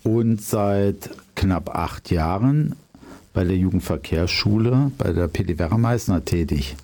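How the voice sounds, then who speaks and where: A man's voice: low-pitched, animated, unhurried, a little mellow. A man in his fifties, a police traffic educator, explaining his work in a radio interview with frequent hesitations. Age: 50s. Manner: explaining, many fillers.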